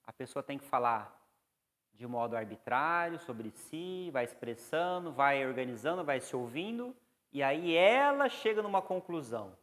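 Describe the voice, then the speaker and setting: A man's voice: medium pitch, lively intonation, normal speed, a bit bright. A man with a Brazilian Portuguese accent giving a classroom lecture on psychoanalysis, explaining and putting questions to the class. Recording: long hall reverb.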